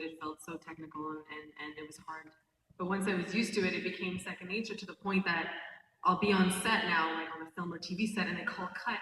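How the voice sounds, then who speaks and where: Woman actor, panel chat, a bit low, distant mic in a reverberant convention hall. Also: a little hiss or hum. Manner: chatty, self-conscious about speaking loudly. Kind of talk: casual panel talk. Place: large convention panel room.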